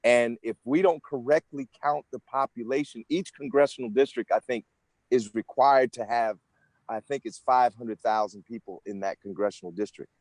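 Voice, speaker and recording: A man's voice: medium pitch, normal speed, darkish tone, no room sound. A man in his sixties, an interview guest from the United States, answering questions in an earnest, explanatory way with frequent restarts. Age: 60s. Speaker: interview guest, senate candidate.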